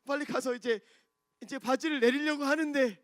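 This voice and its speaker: A man's voice: very high-pitched, steady tone, no echo, clean studio sound, voice pushed up. A man acting out a teacher hurrying a small child along, in an urging voice. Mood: hurried. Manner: hurried, urging. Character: hurried kindergarten teacher, woman.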